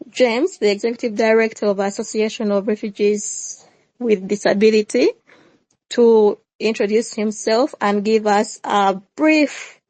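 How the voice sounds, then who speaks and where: A woman's voice: a little high, a little mellow, no echo, low-quality recording. A woman hosting a panel discussion, reading a formal introduction. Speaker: host, moderator.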